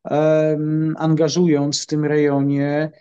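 A middle-aged man from Poland, a military analyst answering interview questions in a measured, halting way with many filler pauses. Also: on the high side, monotone, mellow, clean tone, highs cut off.

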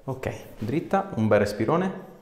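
A man with a mid-range, expressive, slightly slow and mellow voice works as a chiropractor, chatting with a patient and giving casual instructions. It takes place in a small indoor clinic treatment room, and the recording is echoey with faint noise.

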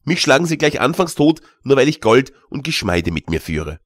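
A man's voice: mid-range voice, very animated, normal speed, no echo, studio quality. A man reading an audiobook, voicing an anxious teenage goldsmith apprentice who turns fiercely indignant. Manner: fearful, then fiercely indignant.

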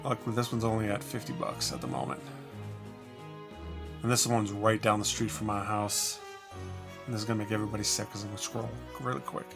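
A man's voice: fairly low pitch, fairly quick, gravelly, long pauses, music in the background. A man casually narrating a walkthrough of his cluttered storage room, rambling and asking viewers for help. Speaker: storage unit reseller.

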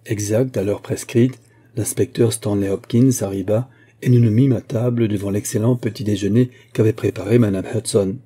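Man reading an audiobook, steady and measured, super dark husky voice. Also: lowish voice. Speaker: audiobook narrator. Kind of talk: scripted narration.

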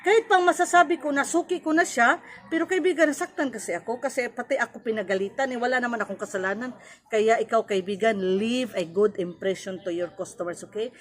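Woman vlogger with a Cebuano accent, fairly high voice, chatty and friendly, with a faint hum of room sound behind her. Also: fast. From Cebu, Philippines. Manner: chatty, repeats "kaibigan" and "no?", mixes in English. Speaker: sari-sari store owner vlogger. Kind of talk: casual advice vlog.

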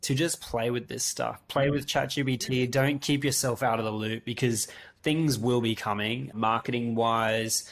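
A man's voice: mid-range voice, fairly even intonation, moderate pace, creaky. A man hosting a podcast, talking casually and encouragingly with rambling asides. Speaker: podcast host.

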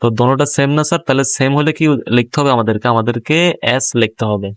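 A man's voice: mid-range voice, fast, smooth, dry recording. A man teaching a primary school English lesson, explaining each word and asking his pupils questions.

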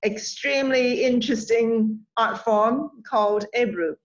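A woman's voice: fairly high pitch, measured pace, lo-fi sound. A woman hosting an online workshop by video call, friendly and hesitant, with many fillers and easy laughter. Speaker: workshop host. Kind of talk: bilingual online introduction. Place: indoor office.

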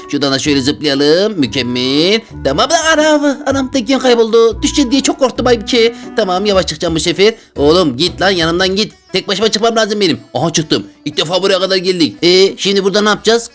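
A woman giving excitable, exclamatory commentary while playing a video game, talking to herself and her viewers, with faint game music behind her. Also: on the low side. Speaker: gaming YouTuber. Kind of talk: casual gameplay commentary.

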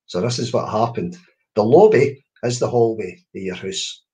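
A man's voice: fairly low pitch, normal speed. A man with a Scottish accent, reading his own playful poems aloud to children in an online workshop. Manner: lively, playful poetry reading with rhythmic delivery. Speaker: children's poet.

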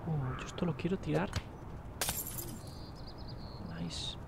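A man from streaming a game live, chattering excitably and cursing freely as he plays. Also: fairly high pitch, a little fast, gravelly, noisy background. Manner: excitable, jokey, swears freely. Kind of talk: live gameplay commentary. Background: game music.

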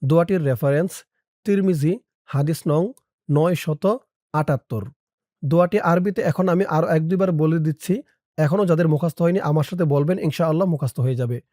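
A man with a Bangladeshi accent teaching an Arabic prayer syllable by syllable, chanting the Arabic slowly and drawn out, then explaining quickly in between. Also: a little high, mellow, dry recording, studio quality.

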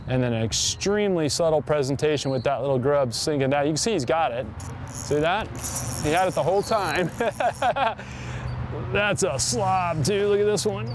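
A middle-aged man hosting a fishing show, giving excited, chatty commentary from a boat on a pond and laughing often. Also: on the high side, background noise.

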